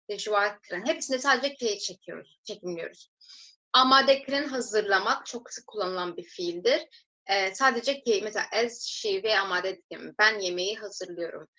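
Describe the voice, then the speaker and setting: Bright-voiced woman teaching a lesson. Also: medium pitch, rough recording. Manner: explains step by step, reads example sentences slowly then translates; addresses viewers as friends. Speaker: language teacher. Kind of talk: recorded language lesson.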